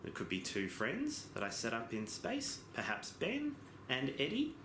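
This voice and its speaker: A man giving a simultaneous interpretation as voice-over for a lesson, explaining in phrases with pauses and occasional self-corrections. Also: mid-range voice, wildly swooping pitch. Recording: echoey room with background noise.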